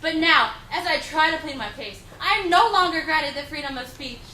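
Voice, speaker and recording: A woman's voice: high voice, animated, normal speed, pushed and bright. A woman playing a defiant young female anti-war activist, declaiming impassioned speeches. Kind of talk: dramatised historical speech. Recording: echoey room with faint background noise.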